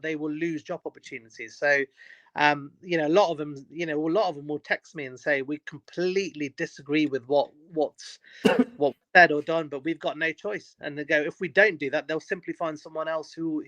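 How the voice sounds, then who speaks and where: A man's voice: a little high, fairly even intonation, a little fast, pushed and bright, no room sound, highs cut off. A man with an emphatic manner and many restarts, talking in a casual podcast chat.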